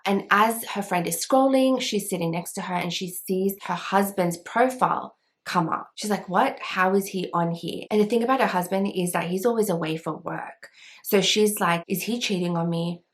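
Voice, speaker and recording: Chatty young woman, low-pitched. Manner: chatty and enthusiastic, many "like" fillers. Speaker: book vlogger. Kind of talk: casual book recommendation vlog.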